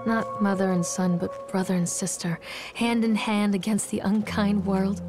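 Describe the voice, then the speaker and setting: A woman's voice: mid-range voice, steady tone, moderate pace, lightly acted. A woman delivering a wistful, brooding inner monologue as a game's protagonist. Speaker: game protagonist. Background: music.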